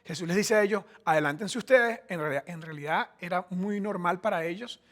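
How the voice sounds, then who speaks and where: A man's voice: high-pitched, a little fast, fairly bright tone. A man preaching a sermon in a conversational, emphatic way, often restarting his phrases. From Costa Rica. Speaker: pastor.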